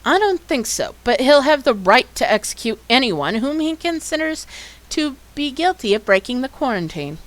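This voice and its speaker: A woman's voice: high-pitched, sing-song, pitched above the performer's own voice. A woman reading as a blunt messenger man. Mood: urgent. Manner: brisk, raised, reading aloud.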